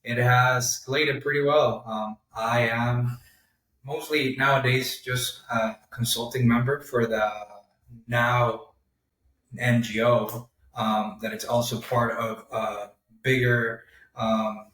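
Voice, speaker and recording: A young man, a podcast guest talking through his path in a measured way with frequent pauses. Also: mid-range voice, level tone, fairly bright tone. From Honduras. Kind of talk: casual interview. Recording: roomy, distant mic.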